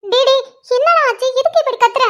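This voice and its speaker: A woman's voice: very high voice, fast. A woman voicing a fussy, teasing young wife in a cartoon, scolding and grumbling to herself. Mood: alarmed. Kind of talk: cartoon voice acting.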